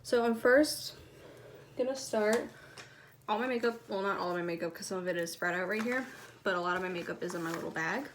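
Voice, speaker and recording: A woman talks in a soft, quiet voice at a middling pitch, casually explaining things as a beauty vlogger would. It is a homemade phone recording with light noise behind her. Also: a little fast. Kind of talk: casual makeup tutorial chat.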